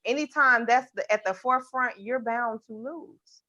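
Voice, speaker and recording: Woman panelist, slightly high voice, pushy debating manner, dull lo-fi audio. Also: moderate pace, bright, forceful tone, dry recording. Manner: insistent, repeats "but" to break in. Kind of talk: heated debate.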